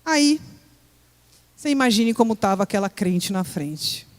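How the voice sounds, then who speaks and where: In a church hall, a woman with a medium-pitched, animated voice shares her personal testimony with the congregation at a normal pace, telling her story emotionally. The hall is echoey, with long reverb.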